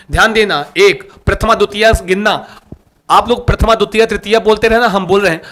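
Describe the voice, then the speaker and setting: A man leads a live online lesson in a fairly high voice. He coaxes his students along, repeats the key terms again and again, and keeps pressing them to give an answer. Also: a bit bright. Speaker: online teacher for an exam-prep class.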